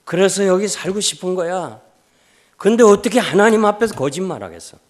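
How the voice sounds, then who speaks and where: An older man, a retired pastor, preaching a revival sermon. He tells a story with acted-out quotes and swings from hushed, low lines to loud, impassioned calls. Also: animated, brisk. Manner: acts out quoted speech in the story. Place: church sanctuary.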